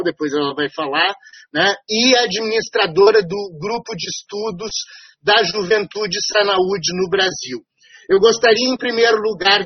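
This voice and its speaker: A man's voice: high voice, husky, no room sound, dull audio. A man hosting a radio talk program, introducing guests with many fillers and repeated words. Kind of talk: hesitant spoken introduction.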